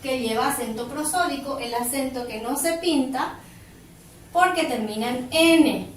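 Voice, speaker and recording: A woman teaching a grammar lesson, slowly and emphatically, stretching out key words. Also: high voice, roomy sound, recorded from a distance, slight background noise, poor audio. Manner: slow, emphatic, drawing out words.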